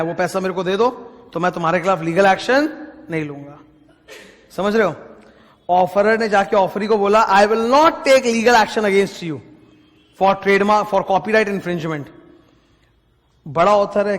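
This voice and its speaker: A man, teaching a class. He dictates definitions slowly and keeps checking that students understand. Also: high-pitched, big-room sound. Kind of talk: lecture.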